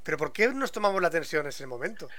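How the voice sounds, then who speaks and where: A man's voice: a little high, very animated, fast, a crowd in the background. A man from Spain co-hosting a stream, chiming in with teasing short quips in casual chat. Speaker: stream co-host.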